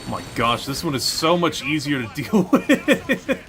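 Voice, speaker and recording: A man's voice: on the high side, sing-song, unhurried, background noise. A man doing casual, joking gameplay commentary, recorded somewhere with a cave-like echo. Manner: chatty and joking, laughs easily. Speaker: gameplay video host. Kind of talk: casual let's-play commentary. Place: unfamiliar room with poor acoustics, not his usual setup.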